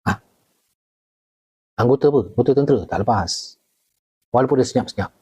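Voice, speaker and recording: Speaking a little fast, a retired Malaysian army officer with a husky voice takes viewer questions in a relaxed live Q&A. His delivery is animated, with big upward leaps for emphasis and frequent "okay?" and "right?" check-ins.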